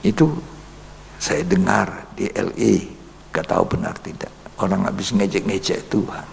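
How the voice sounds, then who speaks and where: Gravelly man preaching in a reverberant hall. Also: low-pitched, steady tone, a little slow. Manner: storytelling, quotes people in a hushed voice, then rises to forceful exhortation. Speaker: pastor. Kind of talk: Bible study sermon. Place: church hall. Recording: long reverb in a church hall, faint hum.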